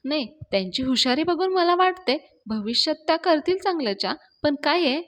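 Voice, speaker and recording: A woman's voice: sits high, animated, moderate pace, a bit bright, pitched above the performer's own voice. A woman retelling a story and voicing a young man who earnestly reassures and defends his friend.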